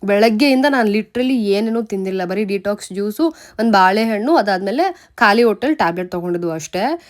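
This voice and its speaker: A woman's voice: mid-range voice, lively intonation, a little fast. A young woman, chatting casually to camera at home in a vlog, telling stories. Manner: chatty, storytelling, shifts loud and soft. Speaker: vlogger.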